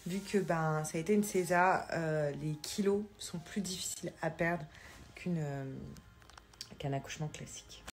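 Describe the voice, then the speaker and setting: A woman, a mother and vlogger, talking candidly to camera in a casual chat and thinking aloud with frequent pauses. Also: deep voice.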